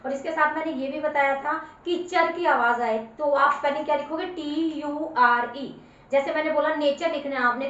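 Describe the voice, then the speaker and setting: Woman teacher, high voice, spells words letter by letter and repeats them; recorded far from the mic with a dull tone. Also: fairly bright tone. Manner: patient, repeats each word for the learner. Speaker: English teacher. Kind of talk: spoken spelling lesson. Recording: very echoey room, far from mic, dull sound.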